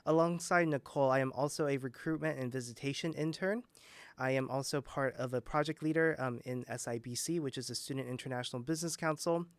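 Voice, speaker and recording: College guy from nebraska, smooth resonant voice, dead dry room, just lists his stuff. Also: mid-range voice, fast talker, no echo. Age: 20s. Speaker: student panelist. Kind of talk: panel introduction.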